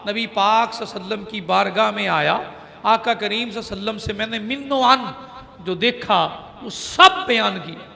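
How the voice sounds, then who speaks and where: A man's voice: sits high, gravelly, sharp tone. A man preacher telling a story in an emotive sermon, exclaiming and laughing often. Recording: long hall reverb.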